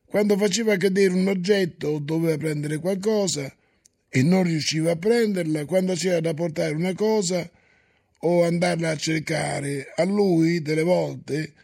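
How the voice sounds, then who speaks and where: A man narrating a novel in a calm, measured reading voice. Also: a little high, gravelly. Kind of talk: storybook reading. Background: faint music.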